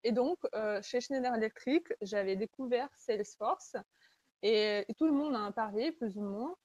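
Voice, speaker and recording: Here the webinar host, a Salesforce consultant from Kazakhstan, talks in an earnest, chatty way while regularly hunting for words. She sounds a little high and a bit mellow, speaks unhurriedly, and the lo-fi recording has no room sound.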